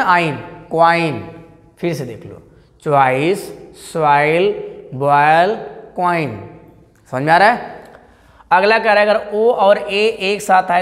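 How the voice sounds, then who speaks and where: A man teaching an English pronunciation lesson in a classroom style, asking questions again and again and repeating example words. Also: high voice. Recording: long hall reverb.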